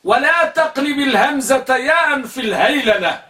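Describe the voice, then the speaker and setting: A man's voice: extremely high pitch, expressive, moderate pace, sharp tone. A man giving a religious lesson, asking his listeners questions and repeating key words to drill their pronunciation. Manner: corrects pronunciation by drilling word forms. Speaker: religious teacher. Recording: echoey room, distant mic.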